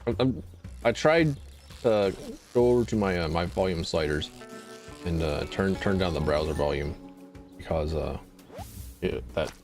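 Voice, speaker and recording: A man's voice: deep voice, a little slow, long pauses, darkish tone. Rambling, joking male streamer. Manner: rambling, self-deprecating, swears freely, lots of restarts. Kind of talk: casual live-stream chat. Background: faint music.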